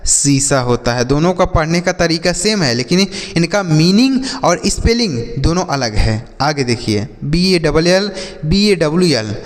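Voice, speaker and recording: Slow-spelling teacher man, echoing room. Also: a little high, expressive. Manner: slow letter-by-letter spelling, asks and answers his own questions. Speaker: English teacher. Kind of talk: spelling-and-meaning lesson for children.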